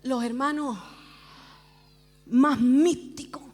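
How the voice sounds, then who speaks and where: A middle-aged woman pastor giving a lively personal testimony in church, often laughing at herself as she tells it. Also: high-pitched, drawn-out words, soft background music. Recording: long church hall reverb.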